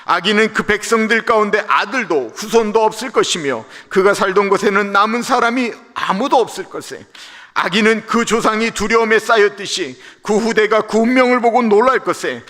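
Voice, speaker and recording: A man's voice: sits high, moderate pace, a bit bright, voice pushed up. A man voicing a scornful, accusing ancient friend of Job, scolding in a raised, mocking voice. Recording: echoey church sanctuary livestream.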